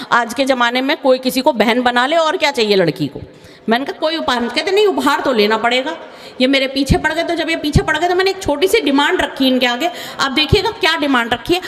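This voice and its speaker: A woman comic poet on a live stage, chatting and teasing the audience through a microphone. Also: high voice. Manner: chatty, teasing the audience, sings a slow verse. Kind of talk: stage comedy poetry recital. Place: live stage show in a hall. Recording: reverberant hall sound.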